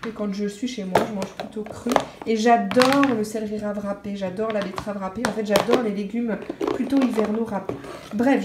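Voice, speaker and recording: A woman vlogs from her kitchen in a relaxed, chatty way, talking straight to the viewer. She hesitates often, filling pauses with small sounds. The room gives her voice a noticeable echo, and her pitch sits in the middle range. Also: heavy background noise. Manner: chatty, addresses viewer directly, frequent hesitations. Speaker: vlogger. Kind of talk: casual food vlog chat. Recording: roomy echo.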